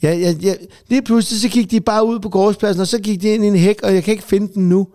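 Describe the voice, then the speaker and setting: A man's voice: sits high, fairly even intonation, mellow. A middle-aged man co-hosting a podcast, telling rambling anecdotes in casual chat with plenty of swearing. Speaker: podcast co-host.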